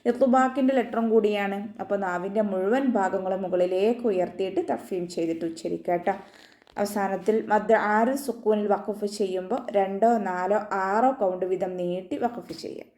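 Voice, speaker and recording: A woman teaching the rules of Quran recitation, with patient step-by-step instruction and frequent gentle reminders. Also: medium pitch, brisk. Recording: echoey room.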